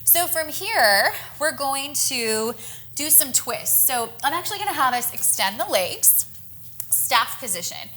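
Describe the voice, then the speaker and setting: Young woman, yoga teacher, high voice, encouraging cues, slightly breathless. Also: sing-song, unhurried, sharp tone. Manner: encouraging cues timed to breath, light laughs. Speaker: yoga instructor. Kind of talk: guided yoga class instruction.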